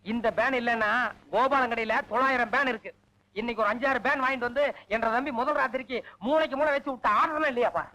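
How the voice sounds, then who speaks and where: Bossy stubborn elder brother, brusque, high bright voice, quick talker. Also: male voice, fairly even intonation, low-quality recording. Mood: bickering. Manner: brusque, bickering. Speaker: head of the family, elder brother. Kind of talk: 1980s film comedy acting.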